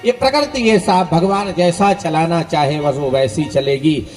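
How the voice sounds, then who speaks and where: A man's voice: on the high side, measured pace, a little mellow, big-room sound, faint music behind. A male preacher telling folksy stories to his listeners in a sermon, speaking to them directly and leading call-and-response. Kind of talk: sermon storytelling.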